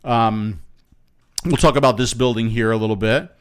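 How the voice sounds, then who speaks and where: A man's voice: medium pitch, normal speed, clear, resonant tone. A man co-hosting a casual chat, rambling and stammering through a joking story. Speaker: co-host.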